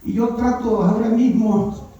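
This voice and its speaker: Male pastor giving a chatty sermon, keeps checking in with his crowd, mellow voice, heard from far off in a big echoey church. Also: very high-pitched, steady tone, a little slow. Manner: peppers talk with tag questions, sometimes raises voice. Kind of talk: conversational sermon. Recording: very echoey church hall, distant mic.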